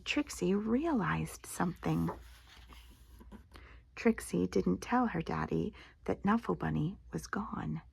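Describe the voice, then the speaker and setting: An older woman with a grandmotherly manner reads a children's picture book aloud, expressively and deliberately, with dramatic emphasis and hushed phrase endings. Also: medium pitch, gravelly, breathy edge, no echo.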